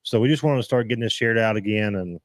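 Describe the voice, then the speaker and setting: A man hosting a casual live-stream chat, rambling and halting as he restarts his sentences. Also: lowish voice, dry recording, studio quality. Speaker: host.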